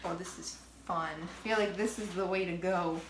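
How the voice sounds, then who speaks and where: A woman's voice: lowish voice, steady tone, moderate pace, reverberant, noisy background. A woman chatting casually on a vlog while she bakes at home, exasperated and self-mocking, swearing now and then. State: out of breath. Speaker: vlogger. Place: home kitchen.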